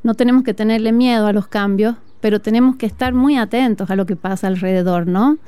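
A woman from northern Argentina with a northern Argentine accent, a music teacher speaking earnestly and reflectively as an interview guest, often pausing on fillers. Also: medium pitch, warm tone, smooth, dry recording. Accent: northern Argentine Spanish. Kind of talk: conversational interview. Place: school patio, outdoors.

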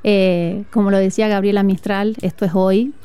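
Outdoors on a school patio, a woman with a northern Argentine Spanish accent is interviewed conversationally as a guest music teacher. Her warm, mellow voice is smooth and resonant, medium in pitch with little movement, at a moderate pace and with no room sound. She comes across earnest and reflective, with a few thoughtful fillers.

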